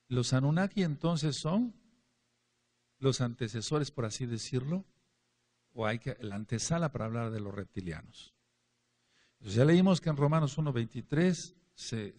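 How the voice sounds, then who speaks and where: An emphatic male preacher teaching from scripture in a sermon style. His pitch sits mid-range, and he presses his points by repeating words and calling out to the congregation. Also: darkish tone.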